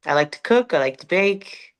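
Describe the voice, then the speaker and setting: A gospel recording artist in her thirties from Connecticut, United States, chats casually and informally as an interview guest in an American accent. Her voice is lowish and expressive, at a moderate pace.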